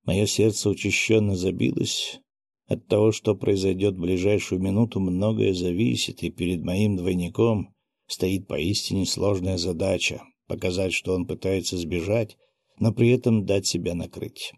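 A man narrating a first-person audiobook in a steady, even reading. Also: deep voice, normal speed, no echo, studio quality.

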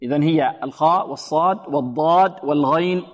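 Sheikh teaching Quran recitation, reverberant. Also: male voice, on the high side. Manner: didactic, poses rhetorical questions to listeners; demonstrates pronunciation by chanting words slowly. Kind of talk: radio tajweed lesson.

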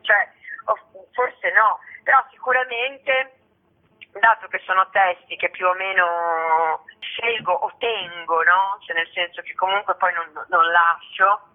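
Slow and lowish, the voice of a guest theatre actress and author comes through a tinny, narrow-band telephone connection during a spontaneous radio interview. She talks discursively, often reworking her sentences midway.

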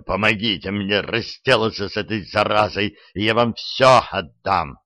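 A man's voice: on the low side, normal speed, sharp tone, no room sound, studio quality. Man doing a menacing old wizard. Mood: threatening. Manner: hissing, angry, blustering. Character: wizard vice-rector, frightened then menacing. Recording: dull lo-fi.

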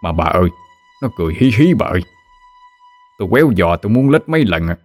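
A man's voice: fairly low pitch, big pitch swings, fast talker, darkish tone, soft background music. Man playing a jumpy Southern farmer in his fifties. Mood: frightened. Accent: Southern Vietnamese. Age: 50s. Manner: frantic, exclaiming. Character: jumpy middle-aged farmer husband, easily scared.

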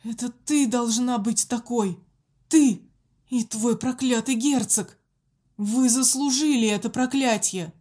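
A woman's voice: on the high side, takes it slowly, dark tone, pitched above the performer's own voice. A woman voicing a cursed, skeletal boy prisoner with a quavering, desperate voice. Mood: defiant. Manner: desperate, pleading.

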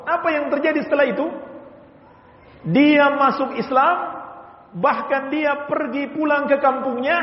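A man preaching to a mosque congregation, speaking to them directly and swinging between emphatic high tones and lower explanatory ones. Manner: addresses the congregation directly, frequent affirming "iya". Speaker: Islamic preacher. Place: mosque hall. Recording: echoey hall, dull lo-fi sound.

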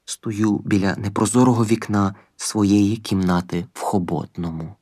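A man's voice: lowish voice, fairly even intonation, unhurried, mellow. A man narrating a novel in the first person, in short clipped phrases, with bursts of crude swearing. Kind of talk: audiobook reading of a novel.

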